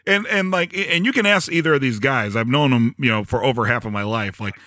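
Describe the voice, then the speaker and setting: A man's voice: medium pitch, fairly quick, pushed and bright, dry recording, clean studio sound. A man hosting a podcast, rambling and laughing, swearing freely in casual chat. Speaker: podcast host.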